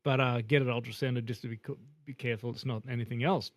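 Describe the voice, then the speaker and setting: A man's voice: medium pitch, fairly even intonation, quick pace, no room sound. An Australian man telling a story on a podcast in a laid-back, self-mocking way, swearing often. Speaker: podcast co-host. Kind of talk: casual storytelling chat.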